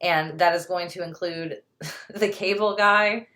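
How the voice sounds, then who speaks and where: A woman's voice: lowish voice, steady tone, a little slow, sharp tone. A woman co-hosting a casual movie podcast, chatty and giggly, reading out film credits. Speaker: podcast co-host.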